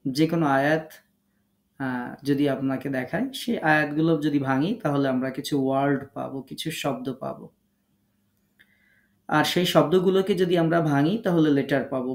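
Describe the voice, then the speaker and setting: A man's voice: fairly high pitch, echoey room. A man teaching an online class on how letters are pronounced, explaining patiently and step by step. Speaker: Quran recitation teacher.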